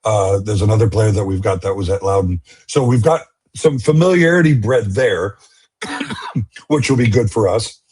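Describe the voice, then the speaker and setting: A man's voice: fairly low pitch, normal speed, a little mellow, slightly rough. A male podcast co-host in a casual sports chat, easygoing and given to joking asides.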